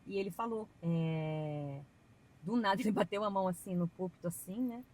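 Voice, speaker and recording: A woman's voice: medium pitch, normal speed, darkish tone, low-quality recording. A woman guest on a podcast, talking earnestly and at length about her faith in a casual, chatty way with preachy asides. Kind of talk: casual testimony.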